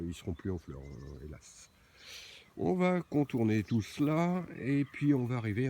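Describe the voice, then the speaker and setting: A man's voice: low voice, warm tone, a little hiss or hum. A man giving a casual, hesitant walking tour of his own garden outdoors, with many fillers and restarts.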